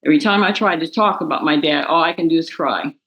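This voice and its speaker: Young adult woman, strained and bright, reads a grieving statement at a courtroom mic, falters and restarts. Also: low-pitched, highs cut off. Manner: emotional, halting, restarts words. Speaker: victim's daughter giving impact statement. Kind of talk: reading a prepared statement aloud.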